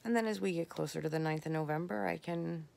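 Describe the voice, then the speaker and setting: A woman talking candidly in a late-night personal vlog, tired and slurring her words, rambling with soft pauses. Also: deep voice, creaky. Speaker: vlogger.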